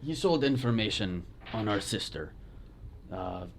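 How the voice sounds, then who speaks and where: A man voicing a surly, vengeful male prisoner in a put-on, deliberately bad Spanish accent, speaking in halting, clipped phrases during a tabletop game. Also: on the low side, expressive, slight background noise. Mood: bargaining. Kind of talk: tabletop role-play.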